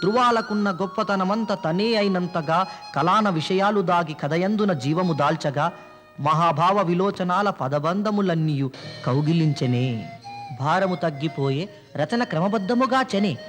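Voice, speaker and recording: A man reciting ornate classical poetry in a measured, formal way. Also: sits high. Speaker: poet. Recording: film soundtrack with reverb and soft music.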